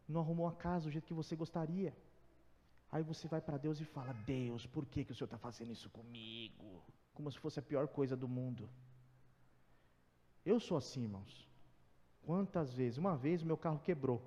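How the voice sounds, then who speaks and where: High-voiced Brazilian pastor preaching in a reverberant hall. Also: male voice, highs cut off. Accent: Brazilian Portuguese. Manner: dramatic preaching that swings from loud exhortation to hushed tones. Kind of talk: expository sermon. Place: church.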